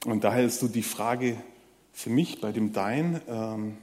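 A man giving a sermon in a conversational way, speaking straight to the congregation and pausing often on fillers. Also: lowish voice, a little mellow, in a large hall. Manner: conversational, addresses the audience directly with many fillers. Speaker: preacher.

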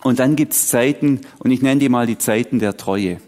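A man, preaching a sermon with animated, dramatic storytelling and sudden drops to a quiet voice. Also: mid-range voice, moderate pace. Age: 40s. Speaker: pastor.

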